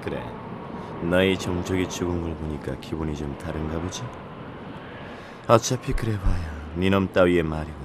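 A man's voice: deep voice, moderate pace, background noise, lightly acted. A man playing a mocking, menacing demon king in a radio drama, taunting his enemy with contempt. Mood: mocking menace.

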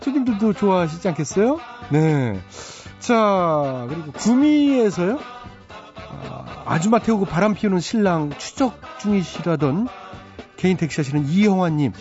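A man's voice: sits high, very animated, normal speed, darkish tone. A male radio host reading out listener text messages with chatty, teasing comments. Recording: slightly dull radio broadcast with faint music.

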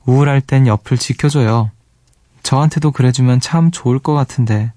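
A man hosts a late-night radio show from a studio microphone, with a mellow, warm tone and a middling pitch. He reads listener letters in a gentle, soft-spoken way and fondly exclaims over the pets in their photos. The sound is close and dry. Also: normal speed, no room sound.

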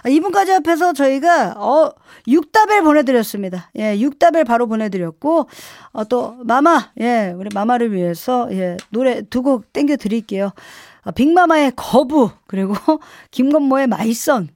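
A woman's voice: on the high side, lively intonation, a little mellow, dry recording. A woman hosting a radio show, chatting playfully and reading listener messages aloud. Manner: chatty, playful, quick asides.

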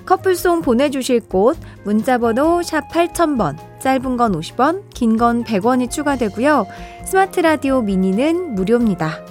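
A woman in her thirties hosting a radio show, reading listener messages with bright, playful reactions and frequent laughter. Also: high-pitched, animated, normal speed, hardly any pauses. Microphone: studio microphone. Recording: dry studio sound with faint music bed.

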